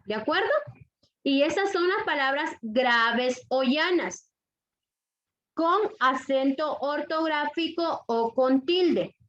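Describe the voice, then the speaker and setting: The recording is dull and lo-fi as a woman, her voice high, expressive and a bit bright, walks young students through grammar. She repeats each rule slowly and deliberately, asking questions to be sure they follow.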